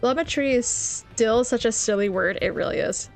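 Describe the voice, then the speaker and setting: A woman's voice: a little high, normal speed, gravelly, faint music behind. A young woman streaming a game, chatting playfully and reading the dialogue aloud. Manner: chatty, playful, reads dialogue with small voices. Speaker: VTuber streamer.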